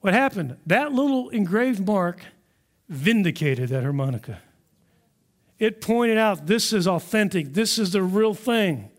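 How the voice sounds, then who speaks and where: A man preaching a sermon in a conversational, animated storytelling manner. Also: high voice, unhurried. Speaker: pastor.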